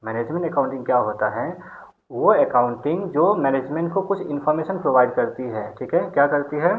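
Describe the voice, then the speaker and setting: A man's voice: mid-range voice, lively intonation, brisk, slight background noise. A man teaching an accountancy class, often checking in with his students and asking and answering his own questions. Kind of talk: online class lecture. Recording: tinny phone-like sound.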